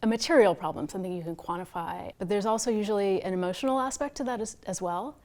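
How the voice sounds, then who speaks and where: A middle-aged woman from Rhode Island, a town finance director, speaking in a measured, thoughtful award testimonial. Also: mid-range voice, darkish tone. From Block Island, Rhode Island.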